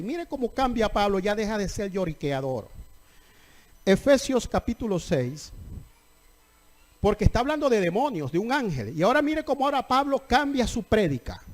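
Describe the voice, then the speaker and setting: A man preaching a sermon in a lively, colloquial way, acting out scripture scenes as he teaches. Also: high voice. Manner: animated, colloquial, acts out scripture quotes.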